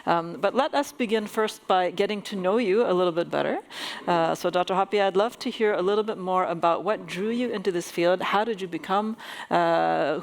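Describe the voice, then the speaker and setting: Female moderator, low gravelly voice, faint background noise, formal intros with many "uh"s. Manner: warm formal introductions with frequent fillers. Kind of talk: hosting a fireside chat.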